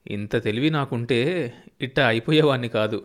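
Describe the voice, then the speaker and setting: A proud old farmer grandfather, stubborn but tender underneath, as a male narrator plays him. His speech is gruff and folksy, full of village turns. Told as an audiobook story. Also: mid-range voice, brisk, close to an everyday voice. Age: older.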